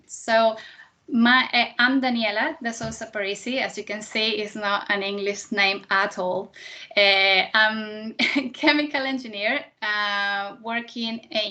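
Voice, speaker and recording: A Venezuelan chemical engineer in her thirties, a native Spanish speaker with a Venezuelan accent, gives a careers presentation to students as a guest speaker. She speaks slightly hesitant, non-native English in a fairly high, pushed and bright voice.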